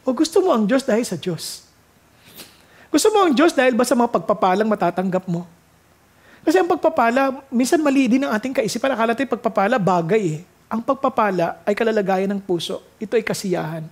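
A woman with a Filipino accent preaching a sermon, switching freely between English and Tagalog, reading scripture slowly and building to heartfelt, emotional high points. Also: lively intonation, darkish tone. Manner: earnest, reads scripture slowly and rises to emotional peaks.

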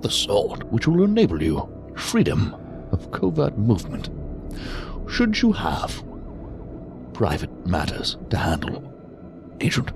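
A man's voice: lowish voice, wildly swooping pitch, slow, vocal fry, pauses often, over music, heavily acted. An actor playing a cryptic, coolly condescending male intelligence operative in a science fiction audio drama, with stilted, pedantic, precise diction.

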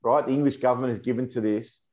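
A man's voice: medium pitch, fairly even intonation, quick pace, darkish tone. An Australian man on a podcast panel, arguing insistently in casual sports debate and repeating his phrases. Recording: slightly dull, lo-fi audio.

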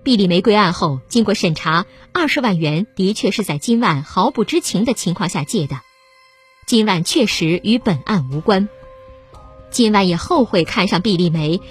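A woman reads a story aloud as a storyteller. Her delivery is steady and plain, with a lively, moving pitch. She sits in the middle range of women's voices. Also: normal speed, breathy edge, soft background music. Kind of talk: scripted narration.

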